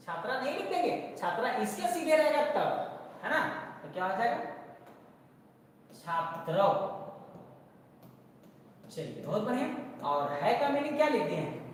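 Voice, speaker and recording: A man teaches grammar in a classroom-style video, sounding distant and roomy with a faint hiss behind. He keeps asking the class questions and then answers them himself. The echo of a hard, bare room hangs on every word. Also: sits high. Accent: Bihari Hindi. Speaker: Sanskrit teacher. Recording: echoey hall, mic far off.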